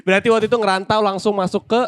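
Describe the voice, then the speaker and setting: A man's voice: high voice, level tone, racing, a bit bright, clean tone. A man hosting a podcast, asking his guests curious follow-up questions. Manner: inquisitive, asks follow-ups. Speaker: podcast host. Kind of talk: interviewing guests.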